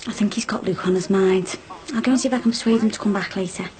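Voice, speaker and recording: A woman's voice: medium pitch, quick pace, darkish tone, close to an everyday voice. A young woman playing a placating, chatty girlfriend in a soap drama, coaxing and soothing. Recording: clearly noisy ambience.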